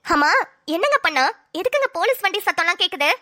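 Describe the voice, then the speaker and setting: A woman voicing a shrill, scornful cartoon wife. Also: very animated, quick pace, bright, forceful tone, exaggerated voice. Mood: grumbling. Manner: grumbling, sarcastic muttering. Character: sharp-tongued young wife, nagging and scornful. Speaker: cartoon voice actor. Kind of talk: cartoon voice acting.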